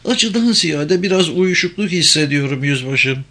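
A woman's voice: low voice, lively intonation, normal speed, fairly bright tone, pitched above the performer's own voice. A man voicing a wounded young woman who asks urgent, worried questions. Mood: weak.

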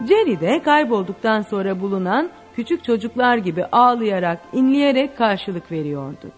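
A woman narrating a story in an expressive, dramatic reading style. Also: on the high side, normal speed, long reverb tail. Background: faint music.

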